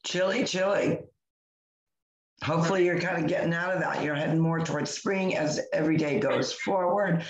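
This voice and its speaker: Hoarse woman in an echoey room. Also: fairly low pitch, moderate pace, dull audio, crowd noise. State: hoarse, voice nearly lost. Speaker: co-host of a sisters' morning livestream. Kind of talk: casual motivational chat.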